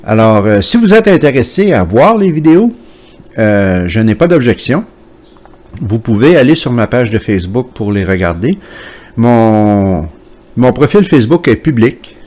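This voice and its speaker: A man from Quebec hosting his channel from home, talking to camera in a hesitant way with many pauses. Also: medium pitch, sing-song, darkish tone. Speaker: channel host. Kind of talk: casual commentary to camera.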